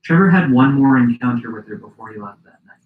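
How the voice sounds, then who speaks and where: A man narrates a documentary podcast in a measured, reflective read. His voice sits in an ordinary middle pitch. The recording is roomy and a little muffled. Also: lively intonation.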